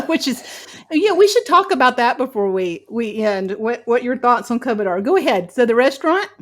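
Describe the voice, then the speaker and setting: Female talk host, high bright-pitched voice, chatty and upbeat, easy conversational questions. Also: big pitch swings, moderate pace. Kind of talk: casual interview chat.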